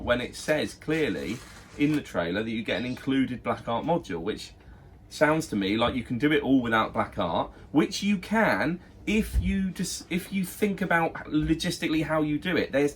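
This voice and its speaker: A man's voice: mid-range voice, slight background noise. Blunt man reviewing a trick. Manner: blunt, exasperated critic. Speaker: magic shop review co-host. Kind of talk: casual review chat.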